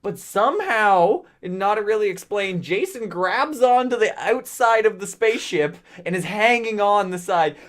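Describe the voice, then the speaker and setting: Profane excitable man recapping a film. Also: high voice, a little slow, hardly any pauses. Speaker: podcast co-host. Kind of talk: casual movie-review recap.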